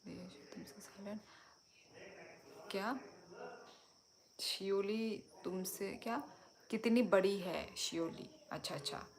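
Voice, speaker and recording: A woman's voice: medium pitch, slow, long pauses, slight background noise. A young woman from Tripura hosting a casual live stream, chatting with viewers and answering their comments.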